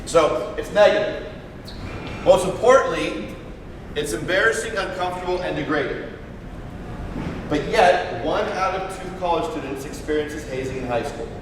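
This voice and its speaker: A man leading an interactive session with students, lively and asking the audience questions. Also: fairly high pitch, normal speed, long pauses. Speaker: workshop leader. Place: large event hall. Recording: echoey hall from far off, noisy.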